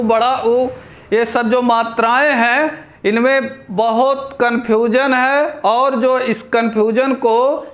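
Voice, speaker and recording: A man teaching a spelling lesson for exam prep. He asks quiz questions, answers them himself, and repeats each word deliberately. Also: very high-pitched, fairly bright tone. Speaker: Hindi grammar teacher.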